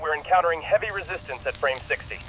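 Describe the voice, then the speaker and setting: A man playing a brisk inspection crewman who delivers formal radio reports. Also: fairly high pitch, natural voice. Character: brisk male inspection team member reporting problems. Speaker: team member reporting by radio. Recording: noisy radio-style industrial audio.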